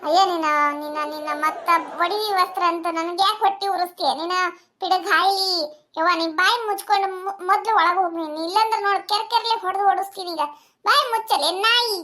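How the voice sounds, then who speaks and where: A woman's voice: very high voice, fairly even intonation, fast. Woman voicing a scolding old mother-in-law. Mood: furious. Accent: North Karnataka Kannada. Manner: scolding, insulting, shouting threats. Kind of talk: cartoon voice acting.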